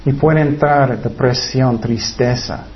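A man preaching a sermon in an earnest way, letting his voice sink low on heavy words. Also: takes it slowly, highs cut off, slight background noise.

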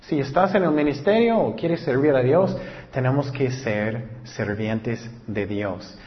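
Man preaching in a reverberant hall. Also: mid-range voice. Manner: reads verses slowly, then exhorts earnestly. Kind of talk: sermon with scripture reading. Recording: long hall reverb, dull lo-fi sound.

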